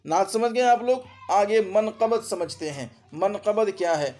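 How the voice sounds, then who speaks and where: Teaching Urdu grammar ahead of an exam, a man with an accent of Urdu as spoken in India repeats terms and keeps asking his students short questions to check them. He's high-pitched with lively intonation and a slightly mellow sound.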